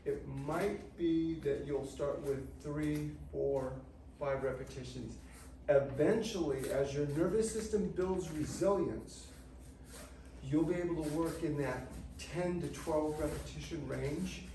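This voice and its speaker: A middle-aged man giving measured, technical step-by-step exercise instruction in short phrases. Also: a little high, warm tone. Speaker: movement class instructor. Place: large indoor studio with treatment tables. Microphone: far camera microphone. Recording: distant mic, very echoey, noisy room.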